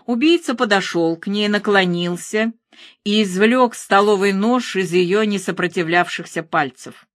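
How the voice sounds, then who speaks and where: A woman narrating a thriller audiobook in a measured, even reading. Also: mid-range voice, no room sound, clean studio sound.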